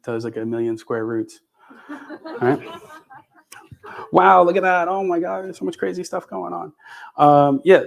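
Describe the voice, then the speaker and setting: Man presenting on stage at a tech conference, loose and irreverent, swears freely, chatty with fillers, gum in his mouth, ordinary middle pitch. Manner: casual, profane, lots of fillers and restarts. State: chewing gum while talking. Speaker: conference speaker. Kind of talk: live tech talk demo.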